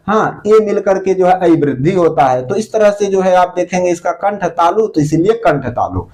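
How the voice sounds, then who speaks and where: A man's voice: high-pitched, a little mellow. A man teaching Sanskrit grammar for exam preparation, explaining patiently, repeating terms and sounding out syllables. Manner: frequent fillers. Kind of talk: exam-prep grammar lesson.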